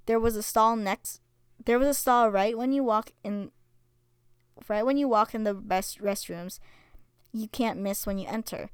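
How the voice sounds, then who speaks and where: Young female podcast host, chatty and filler-heavy, smooth voice, dry close sound. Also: fairly high pitch, measured pace, no echo. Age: young adult. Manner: chatty, many fillers, reads stories aloud. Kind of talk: casual solo podcast chat.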